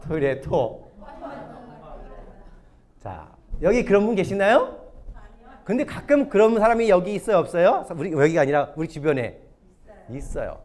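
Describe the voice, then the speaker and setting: A male pastor giving a lively sermon lecture to an audience, often putting questions to them. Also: high-pitched, normal speed. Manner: animated, asks the audience questions. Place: church or hall lecture before an audience.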